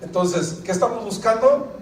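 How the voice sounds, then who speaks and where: A man with a high voice preaches to his congregation, often asking questions and drawing replies from them. He sounds a little far from the mic, in a roomy church hall with a faint hum of people behind him. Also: normal speed. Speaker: pastor. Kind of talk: sermon. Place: church sanctuary. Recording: echoey church hall, picked up from a distance.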